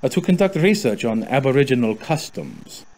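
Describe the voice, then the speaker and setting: A man's voice: medium pitch, sing-song, normal speed, a little mellow, natural voice. Man playing a haughty, formal German colonel. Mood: smug, proud. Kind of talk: video game character acting.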